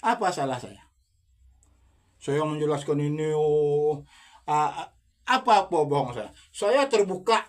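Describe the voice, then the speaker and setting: A man's voice: fairly high pitch, animated, a little slow, pauses often. A man preaching as a self-styled religious teacher in a monologue, insistent and repetitive, firing rhetorical questions at the listener.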